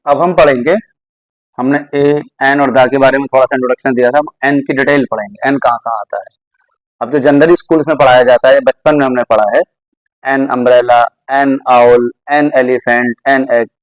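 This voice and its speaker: A man's voice: medium pitch, steady tone, normal speed, dry recording, rough recording. A man teaching English grammar, explaining step by step and repeating examples patiently. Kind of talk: classroom grammar lesson.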